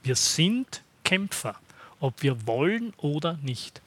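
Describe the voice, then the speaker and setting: A man preaching a sermon to his congregation in a conversational way, often pausing to ask "Ja?". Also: on the high side, big pitch swings, a bit bright, breathy edge. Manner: conversational, checks in with the congregation by asking "Ja?".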